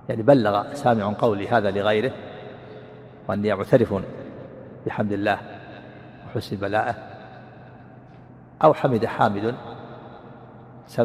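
A man who, as a religious teacher, explains a text line by line in a measured way and repeats phrases to make them clear. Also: on the low side. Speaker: sheikh teaching a hadith class. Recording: reverberant hall, faint background hiss.

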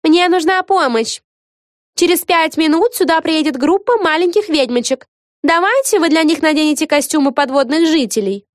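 A woman reading an audiobook, voicing a bored teenage girl museum guide who talks in a flat, bored way. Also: sits high, normal speed, no room sound, studio quality, pitched above the performer's own voice. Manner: flat and bored, sometimes scolding.

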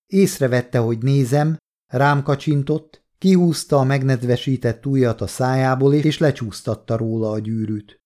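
A male audiobook narrator from Hungary reads a novel in a measured, deliberate way. His voice sits at a middling pitch for a man, and the reading is even and unhurried. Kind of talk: scripted narration.

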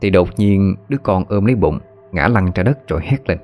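A man narrating a horror story in a steady, measured way. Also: deep voice. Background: faint background music.

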